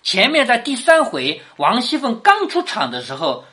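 A woman lecturing on classic literature in an easygoing, conversational way. Her pitch rises and falls constantly as she explains. She keeps drawing in the listener with rhetorical questions. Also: wildly swooping pitch, moderate pace, fairly bright tone.

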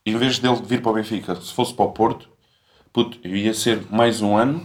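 A man's voice: lowish voice, steady tone, fairly quick, slight background noise. A young man, chatting casually in a rambling, slangy way full of swearing. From Portugal. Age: young adult. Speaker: podcast co-host. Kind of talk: casual chat.

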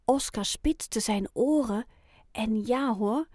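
A woman reading a children's storybook aloud, with gentle, lively storytelling and clear phrasing. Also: fairly high pitch, takes it slowly, no room sound, clean studio sound. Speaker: audiobook reader.

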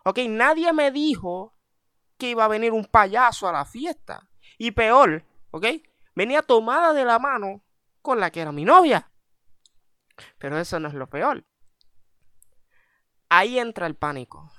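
A man telling a funny story in an animated, self-mocking way, repeating his punchlines. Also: sits high, normal speed, long pauses, clear, resonant tone, no room sound, studio quality. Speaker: comedic storyteller. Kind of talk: comic storytelling monologue.

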